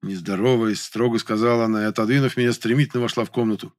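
A man's voice: mid-range voice, steady tone, fast. A man narrating an audiobook in the first person, in a wry, ironic manner.

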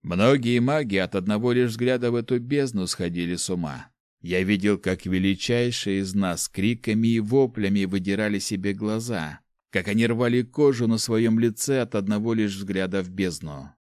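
A man narrating a fantasy audiobook in a measured, expressive storytelling manner. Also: on the low side, no echo, studio quality.

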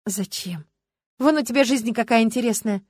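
A woman's voice: a little high, moderate pace, a little mellow, slightly rough, no echo. An earnest, stubborn young heroine, as a female audiobook reader plays her, pleading her case. Her voice stays close to the reader's own. The recording is dry and close.

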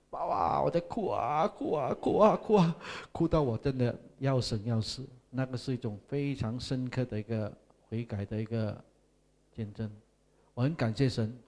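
A middle-aged man, a pastor with a Malaysian Chinese accent, telling his conversion in an animated, dramatic sermon and mixing in English words. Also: medium pitch. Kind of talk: testimony sermon. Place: church hall.

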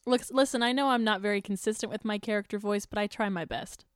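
A woman's voice: mid-range voice, quick pace. A woman playing a tabletop role-playing game casually, with a playful, self-deprecating manner. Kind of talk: casual improvised tabletop play.

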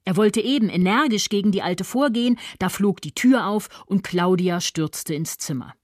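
A woman's voice: mid-range voice, lively intonation, moderate pace, a little mellow, dry recording, studio quality, lightly acted. An actress playing a self-righteous middle-aged mother who narrates her story with prim indignation in a radio drama. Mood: indignant. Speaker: first-person narrator.

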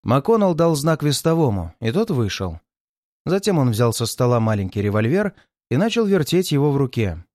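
A man narrating a detective story aloud in an even, storytelling manner. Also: medium pitch, normal speed, no echo, clean studio sound. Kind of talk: audiobook reading.

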